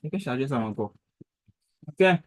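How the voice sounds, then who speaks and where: A man chats casually, speaking in short, offhand bursts. His pitch is ordinary for a man, and the sound is dry and close. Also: lively intonation, moderate pace, no echo. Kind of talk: casual chat.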